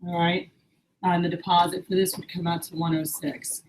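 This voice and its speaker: Lower-voiced upbeat woman coaching a sales team. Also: level tone, moderate pace, a little mellow, slight background noise, rough recording. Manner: upbeat, coaching, quizzes the group. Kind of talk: sales training talk.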